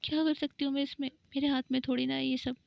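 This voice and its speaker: A woman's voice: high voice, little pitch movement, quick pace, gravelly, darkish tone, no echo. A woman voicing a playful, clingy young woman who turns whiny with mood swings, in a storybook romance. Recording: dull lo-fi recording.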